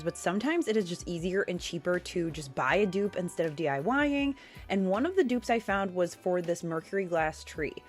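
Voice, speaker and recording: Upbeat woman talking through a DIY craft. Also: mid-range voice. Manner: upbeat, chatty how-to explaining. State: nasal from a cold. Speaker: DIY home decor creator. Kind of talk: casual DIY tutorial narration.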